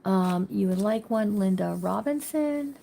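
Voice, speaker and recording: A chatty woman hosts a craft livestream, greeting her viewers by name and talking through her ideas as she works. Her voice sits at a middle pitch and tends to run a little loud. A faint hiss runs underneath. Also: animated, measured pace, gravelly. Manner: chatty, talks to viewers by name, thinks aloud; says she talks loud. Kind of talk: casual craft livestream chat.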